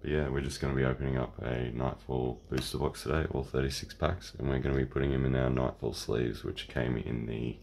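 An Australian man hosting a casual card-opening video, talking in a relaxed, rambling way through a croaky voice. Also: rumbling low, brisk, hardly any pauses, a little hiss or hum. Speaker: channel host. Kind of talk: casual unboxing chat.

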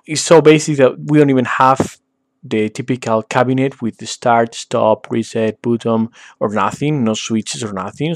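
A man who learned as an explains a beginner exercise as he records his screen. His mid-range voice sits close and dry on a desk mic, and he keeps pausing with "uh" and asking "okay?" as he goes. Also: medium pitch, no room sound. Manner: frequent "okay?" check-ins and "uh" fillers. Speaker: tutorial instructor. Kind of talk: screen-recorded software tutorial.

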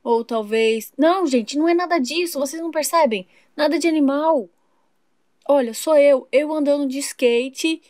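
A show-off kid playing charades, as a woman voices it in a toy-figure soap opera, the voice pitched high. It boasts and teases, impatient that nobody guesses. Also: normal speed, darkish tone, dry recording, clean studio sound, close to an everyday voice. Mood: teasing. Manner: boastful, teasing. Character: playful child playing charades.

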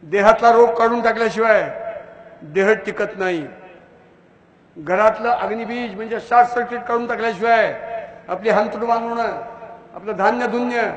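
Man ranting at a crowd, high voice, booming echo, faint hum behind. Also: normal speed. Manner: fiery, declamatory, insulting. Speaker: public speaker. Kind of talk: impassioned public lecture. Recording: echoey hall with long reverb.

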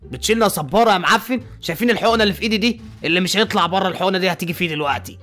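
Doctor Lamba, as a man plays him, fast and shouting. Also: sits high. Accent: Egyptian. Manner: scolding, shouting at patients, then coaxing softly. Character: exasperated male doctor at an asylum. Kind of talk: fan-made game movie voice acting.

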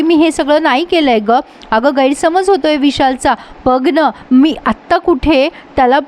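A woman's voice: high-pitched, darkish tone, lightly acted. A woman voicing a scheming middle-aged woman who keeps pleading her innocence, in a story recap.

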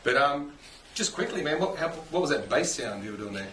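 A man's voice: fairly high pitch, sing-song, a little fast, sharp tone. An Australian man hosting a casual interview, chatty and easygoing, recorded in a home workshop. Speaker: interview host. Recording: echoey room, mic at a distance, faint background hiss.

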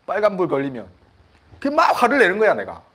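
A middle-aged Buddhist monk gives a conversational dharma talk, often asking his listeners whether they agree and laughing at his own stories. His voice sits high with huge pitch swings, fairly quick, a bit bright and husky.

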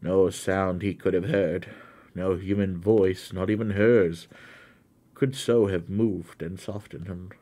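Slow, mellow-voiced man reading aloud. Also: deep voice. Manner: slow, deliberate reading that swells for quoted lines. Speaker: streamer reading a classic novel aloud. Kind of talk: dramatic audiobook reading.

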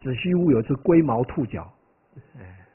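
Male monk-lecturer, conversational and digressive, expressive voice, lo-fi phone-quality audio. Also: medium pitch, moderate pace. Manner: conversational, keeps asking "right?"; animated, digressive storytelling. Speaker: Buddhist monk teaching. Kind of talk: dharma lecture. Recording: tinny, phone-like lo-fi recording.

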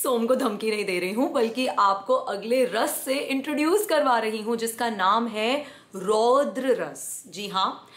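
Woman, slow unhurried delivery, playful teacher of acting, heard in an echoey room. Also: medium pitch, a bit bright. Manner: playful, teasing, clear explaining. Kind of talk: casual acting lesson.

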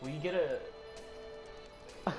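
A man's voice: a little high, drawn-out words. A young man joking around goofily during co-op gameplay commentary. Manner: goofy, joking, giggly. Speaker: gamer. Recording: game music behind. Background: game music.

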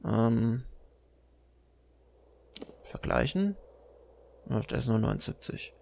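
Gravelly let's play guy chatting. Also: mid-range voice, wildly swooping pitch, slow, slight background noise. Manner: chatty, talks to himself and to game enemies. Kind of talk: casual gameplay commentary. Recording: game music loud behind.

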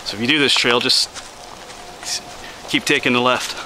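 A middle-aged hiking vlogger from Pennsylvania narrates casually while walking a winter forest trail, relaxed, chatty and slightly out of breath, pausing for air. His voice is medium-pitched, and the rough recording picks up outdoor noise on the camera mic.

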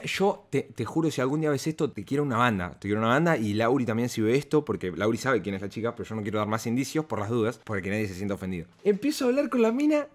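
A man with a Rioplatense Argentine accent telling a casual storytime vlog. He is slangy and emphatic, with big swings between loud high bursts and quiet low asides. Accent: Rioplatense Argentine Spanish. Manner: slangy and emphatic, often saying "amigo" and "¿se entiende?".

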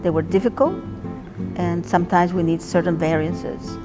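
A woman in her sixties speaks somewhat low, in halting, formal phrases. It is a testimonial of thanks, with guitar music clearly heard underneath. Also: fairly even intonation. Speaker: award recipient giving thanks. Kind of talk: seated video testimonial. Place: indoor parlor with piano. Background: prominent guitar music.

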